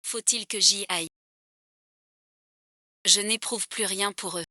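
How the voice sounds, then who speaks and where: A woman dubbing a composed young wife who has left her marriage, in a clear, even voice. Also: mid-range voice, slow pace, dry recording, clean studio sound. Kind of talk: dubbed drama dialogue.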